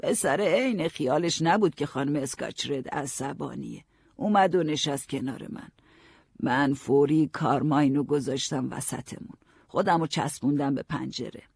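A man narrating a story in the first person, calm storytelling. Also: fairly high pitch, creaky, husky, no room sound. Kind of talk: audiobook narration.

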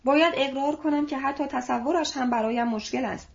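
Polite, curious young man, read by a woman with a fairly high voice; lo-fi audiobook. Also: creaky. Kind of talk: audiobook reading. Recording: dull lo-fi recording.

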